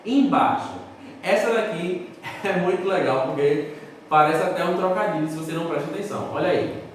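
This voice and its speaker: A man with a Brazilian Portuguese accent teaches a recorded class in a high, lively voice, repeating his points and checking in with his students. He sits back from the mic in a strongly echoing room with faint noise behind him. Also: normal speed. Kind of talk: recorded remote class lesson. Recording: echoey room, voice from a distance.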